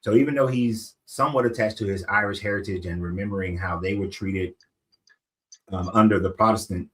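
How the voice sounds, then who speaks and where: A middle-aged man with a low voice lays out his point of view in a casual discussion. He explains step by step and checks in with rhetorical questions as he goes. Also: fairly quick, fairly bright tone, rough recording.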